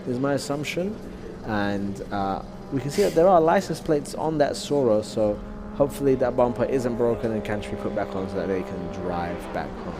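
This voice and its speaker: Lowish-voiced male motorsport commentator. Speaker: commentator and drift driver. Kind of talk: live motorsport play-by-play commentary with casual chat. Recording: clear outdoor vehicle noise. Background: cars and outdoor ambience.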